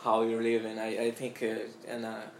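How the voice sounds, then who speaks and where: Gravelly guy hosting an interview, laid back, lots of uhs, roomy echo. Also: on the low side, normal speed, slight background noise. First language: Portuguese. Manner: relaxed, with many fillers and restarts. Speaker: interview host. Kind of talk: casual interview chat.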